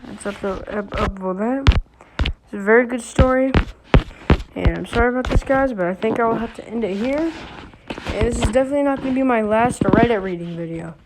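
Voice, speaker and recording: A woman's voice: a little high, fairly quick, heavy background noise. A woman reading an online post aloud for her vlog, in a casual way that often stumbles and restarts mid-sentence. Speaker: YouTuber reading Reddit posts.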